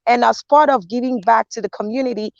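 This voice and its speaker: A woman hosts an online talk show, upbeat and speaking straight to her viewers as she sets up questions for her guest. Her voice sits a little high and comes across dry and close. The sound is a bit dull, with the top end muffled. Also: brisk, no room sound. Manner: upbeat, addresses viewers directly. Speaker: show host.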